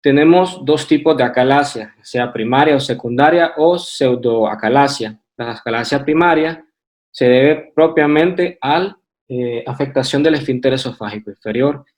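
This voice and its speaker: With a medium-pitched, somewhat dark voice at a moderate pace, a man with a Honduran Spanish accent gives a radiology lecture from slides. He is methodical, though he hesitates with fillers and restarts.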